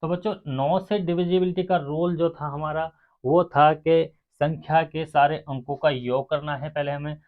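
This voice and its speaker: The recording is narrow and muffled, much like a phone call. A maths teacher for exam aspirants, his voice on the high side, speaks at normal speed in a steady tone, guiding students step by step and counting sums aloud to them.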